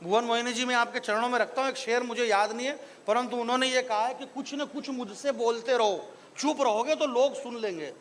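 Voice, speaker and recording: A man's voice: extremely high pitch, fairly quick, fairly bright tone. A man from the Marwari region performing as a comic poet on a live stage, joking with the audience and rising into declaimed verse. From Marwari region of Rajasthan. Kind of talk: stage comedy poetry recitation.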